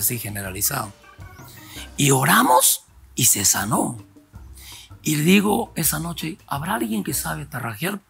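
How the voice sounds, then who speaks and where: A man's voice: a little high, gravelly, fairly bright tone. A man, a pastor, tells his testimony vividly and acts out the dialogue. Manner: vivid storytelling, acting out dialogue.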